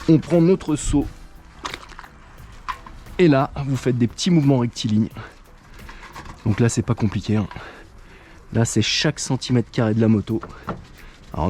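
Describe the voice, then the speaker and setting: A man with a warm, mellow voice explains a hands-on task one step at a time in a relaxed, casual way. He often pauses to hesitate mid-sentence. Faint music plays behind him. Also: mid-range voice. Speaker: channel host. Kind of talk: casual how-to tutorial.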